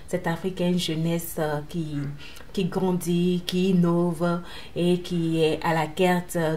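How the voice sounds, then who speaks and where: A woman's voice: lowish voice, a little mellow, slight background noise. A woman in her thirties from Benin, a master's student, introducing herself earnestly in an interview. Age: 30s. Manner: earnest, measured, hesitant fillers.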